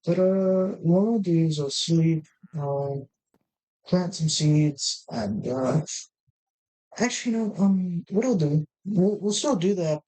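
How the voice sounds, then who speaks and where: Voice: medium pitch, warm tone, rough recording. A gaming channel host giving casual gameplay commentary, rambling and correcting himself as he thinks aloud at a desk mic.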